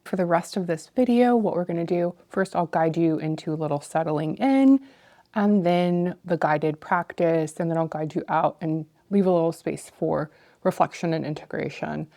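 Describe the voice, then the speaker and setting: A woman's voice: fairly low pitch, moderate pace, mellow, no room sound. A woman teaching meditation, explaining and introducing a guided practice in informal, instructional speech.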